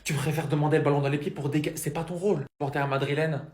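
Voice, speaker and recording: A man with a slightly high voice gives opinionated, casual football commentary. He poses rhetorical questions, and the sound is noticeably roomy and echoey. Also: steady tone, very fast, darkish tone. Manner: rhetorical, addresses players directly.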